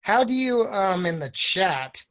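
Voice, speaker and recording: A woman's voice: medium pitch, very animated, a little slow, fairly bright tone, a little hiss or hum. A woman in her thirties co-hosting a casual chat, informal and slangy with a joking streak. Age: 30s. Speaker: podcast co-host.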